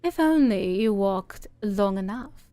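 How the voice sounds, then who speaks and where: Grinning storybook cat woman acts it out: unhurried, stretched-out words, teasing, serenely mad, music underneath. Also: medium pitch, expressive, mellow, no room sound. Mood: languid, knowing. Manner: slow drawn-out delivery, teasing and unbothered. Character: grinning, languid, slyly mad talking cat.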